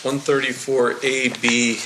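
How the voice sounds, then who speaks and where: A man's voice: mid-range voice, flat delivery, a little slow. Man, prosecutor, methodical questioning, fillers, roomy courtroom recording, audible background noise. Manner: methodical, leading questions with frequent "uh" and "um".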